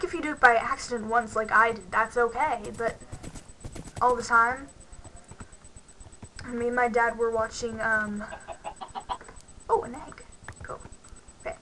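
Poor audio with a bit of hiss or hum carries this gaming host's let's-play chatter, her voice on the high side, pushed and bright, and hoarse from losing it. She's a young woman rambling casually at her computer over a headset mic, saying "like" a lot.

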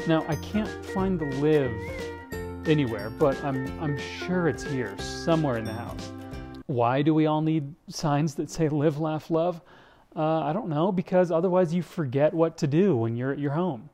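Young male vlogger, mellow tone, joking house tour, faint music under. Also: a little high, normal speed. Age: young adult. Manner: playful, jokey, says "dude" often. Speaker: English teacher vlogger. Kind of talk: casual house-tour vlog. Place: kitchen of a large house, indoors. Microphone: handheld camera, selfie framing.

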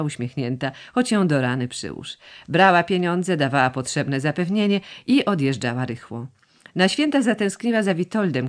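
A woman narrating a classic novel as an audiobook, reading with expressive, varied intonation. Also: low voice. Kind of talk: scripted literary narration.

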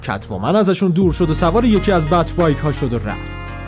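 A man with a fairly high voice retells a comic story panel by panel in a plain, steady way. Soft music runs faintly behind him. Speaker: comic book narrator.

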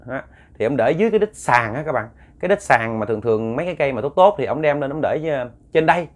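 A man's voice: medium pitch, animated, quick pace. A man with a Southern Vietnamese accent narrates a late-night ghost story. He rambles with fillers and repeated words and speaks directly to his listeners.

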